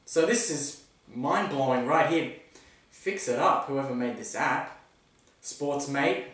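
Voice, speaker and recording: An Australian footy tipster vlogger speaks slowly in a medium-pitched, fairly bright voice, recorded from a distance in an echoey room. He gives his casual, opinionated take on the football round, mocking himself along the way.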